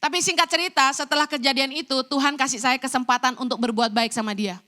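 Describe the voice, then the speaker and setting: A middle-aged woman preaching a church sermon, telling a personal story in an animated way and acting out the lines people said to her. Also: high-pitched, quick pace. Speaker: evangelist preacher.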